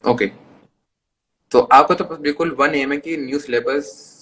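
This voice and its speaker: Hosting a casual interview on a live stream video call, this Indian-accented man comes across as eager and courteous. His slightly high, somewhat bright voice moves at a measured pace.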